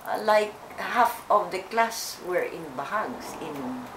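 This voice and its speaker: An older woman speaks slowly and haltingly, pausing often and starting her sentences over. Her voice sits a little low. The room is echoey, with faint noise underneath. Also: lively intonation, a bit bright. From Philippines. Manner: slow, hesitant, with many fillers and restarts. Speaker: interviewee. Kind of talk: oral history interview.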